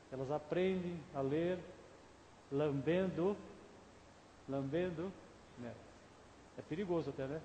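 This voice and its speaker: A man's voice: a little high, mellow, slight background noise. A male pastor with a Brazilian Portuguese accent preaching a conversational sermon, often asking the congregation questions. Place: church sanctuary. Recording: echoey church hall, faint ambience.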